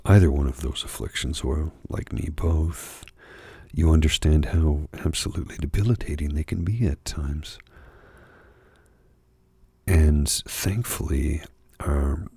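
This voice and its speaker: A middle-aged or older man with a husky, gravelly voice gives a soft-spoken, confessional ASMR monologue, confiding in a halting, reflective way. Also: very deep voice, no echo. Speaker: ASMR host.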